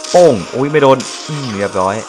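A young man giving casual gameplay commentary, speaking quietly, exclaiming and laughing often. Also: medium pitch, animated, brisk. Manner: speaks quietly late at night. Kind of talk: casual let's-play commentary. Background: game music.

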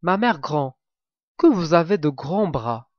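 A man's voice: a little high, big pitch swings, takes it slowly, no room sound, lo-fi sound. A man doing an earnest, naive little girl. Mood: wondering.

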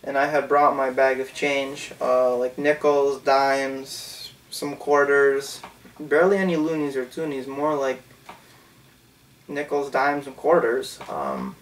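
A Canadian man in his twenties tells a story for his channel from a small bedroom, rambling loosely with lots of "um" and "like." His voice is medium-pitched and slow, and the mic sits at a distance.

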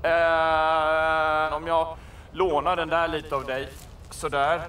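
Brash, swearing male braggart and huckster, brassy and loud. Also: fairly high pitch, level tone, recorded from a distance, a little hiss or hum. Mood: pushy salesman. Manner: swears constantly, brash and boastful. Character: crude boastful male wannabe musician and salesman. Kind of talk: sketch comedy acting.

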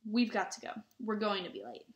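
A woman's voice: medium pitch, sing-song, a little fast, echoey room, close to an everyday voice. A woman voicing a hot-tempered, grumbling schoolboy in a curt, irritated way while reading a storybook.

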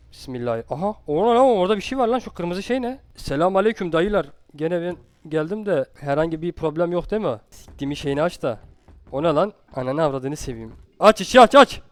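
A young man commenting while he plays a horror game, swearing constantly and jumping to loud outbursts when scared. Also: a little high. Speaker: gaming streamer.

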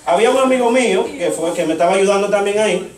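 A man's voice: high voice, fast talker, crowd noise. A man preaching a sermon, telling a story and acting out both sides of a conversation. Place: church sanctuary. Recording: echoey church, mic far off.

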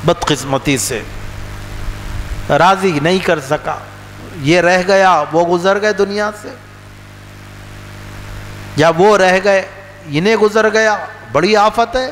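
A male preacher giving a religious sermon, speaking emphatically, repeating phrases and moving between soft low lines and raised outbursts. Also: slow, pauses often. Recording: long hall reverb with faint noise.

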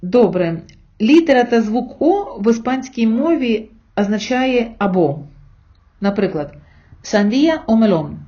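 A woman's voice: a little high, expressive, a little slow, mellow, lo-fi sound. A middle-aged woman giving an online language lesson, patiently spelling out sounds and examples for her viewers. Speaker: Spanish teacher.

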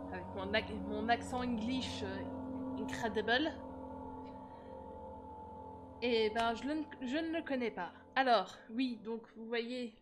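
A young French woman hosting a gaming live stream, rambling cheerfully with fillers and little giggles. Her voice sits a touch high. Music plays clearly behind her. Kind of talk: casual live-stream chatter.

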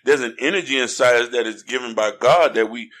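An American man co-hosting a casual podcast, earnest and a little preachy. His voice sits in a middle pitch and keeps checking in with the listener as he talks. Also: a little fast, fairly bright tone. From United States. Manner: earnest, preachy, fond of "you know what I mean". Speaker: podcast co-host. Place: podcast studio in Florida.

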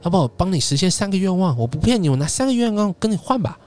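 A man's voice: high voice, sing-song, racing, darkish tone, soft background music, pitched above the performer's own voice. A man doing a wheedling little rain spirit. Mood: pleading. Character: small pleading rain spirit boy.

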